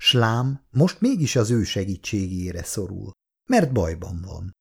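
A man narrating a story in a scripted reading, expressive in delivery. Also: lowish voice, gravelly, slightly rough.

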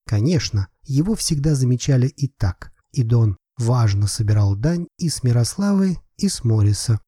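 A man narrating an audiobook in a measured, even storytelling manner. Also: medium pitch, husky, dry recording, studio quality. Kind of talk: scripted narration.

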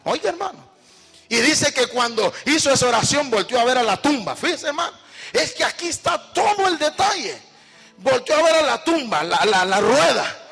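High-voiced fervent man preaching in an echoing church. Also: expressive, normal speed, creaky, a bit bright, slightly rough. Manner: fervent preaching with call-and-response questions to the congregation. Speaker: pastor. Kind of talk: sermon. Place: church hall. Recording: echoey church hall with long reverb.

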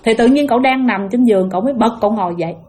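Woman, Southern Vietnamese accent, fairly high voice, chatty, casual ghost storytelling. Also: very fast, darkish tone, faint music behind. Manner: chatty, addresses listeners, many fillers.

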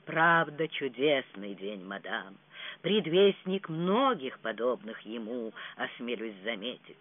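Armistead, a reader voicing a dry low maid. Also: very animated, takes it slowly. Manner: quiet, dryly polite, deferential. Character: dry, low-voiced older lady's maid. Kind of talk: audiobook reading. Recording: tinny phone-like sound.

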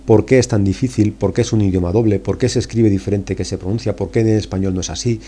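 A man's voice: fairly low pitch, fairly even intonation, quick pace, mellow, slight background noise. A man with a Spain Spanish accent hosting a podcast, talking casually and informally, coaxing listeners and repeating words for emphasis. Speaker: podcast host. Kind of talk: casual solo podcast talk.

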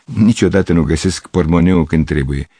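A man's voice: low voice, dark tone, slightly rough, no echo. A man reading an audiobook, voicing a fussy, apologetic middle-aged piano teacher who dreams of pure art.

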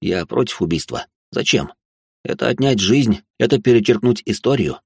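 Husky low-voiced male storyteller. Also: expressive, no room sound, studio quality. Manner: dramatic, with quick aside remarks. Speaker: narrator. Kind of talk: first-person story narration.

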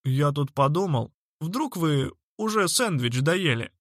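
A man voicing a scruffy, stubborn little boy waiter who talks bluntly and rambles deadpan. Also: fairly high pitch, normal speed, no echo, studio quality. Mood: rambling.

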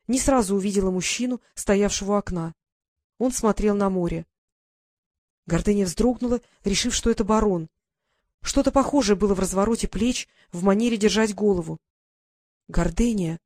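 Female audiobook narrator, mid pitch, dry booth sound, measured read. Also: darkish tone, no echo.

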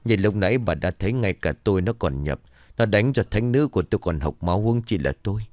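A man doing a calm old shaman. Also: fairly low pitch, fast, dry recording, lightly acted. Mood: grave. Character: old male shaman master, calm and wise.

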